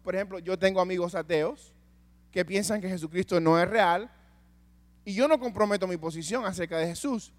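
A man preaching a sermon, asking the congregation rhetorical questions and swinging between loud passages and hushed ones. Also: high voice, normal speed, big-room sound.

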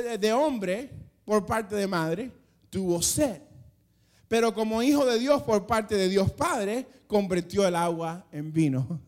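A man with a high voice preaching from the pulpit. He builds each point with emphatic rising lines and drawn-out pauses, now and then restarting a word as he speaks freely. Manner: some restarts and stammering when speaking off the cuff. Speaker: pastor. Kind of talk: sermon.

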